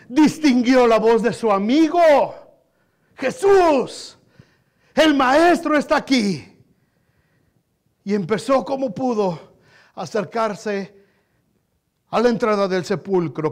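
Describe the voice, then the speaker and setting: A male pastor with a strikingly high voice delivers an impassioned sermon. He swings from near-whispered lines to loud, urgent calls. He keeps turning to the congregation as his brothers. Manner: addresses listeners as brothers.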